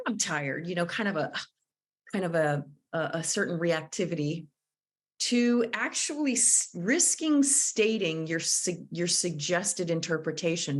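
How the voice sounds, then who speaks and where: A woman leading a live online workshop on conflict mediation, speaking in a thoughtful, coaching way and sometimes searching for her words over a video call. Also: lowish voice.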